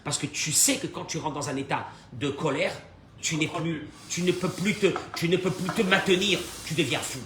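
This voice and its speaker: A man teaching a Torah lesson as a rabbi, animated, swinging from hushed to loud and acting out short dialogues. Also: fairly high pitch, normal speed. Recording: echoey room with faint noise.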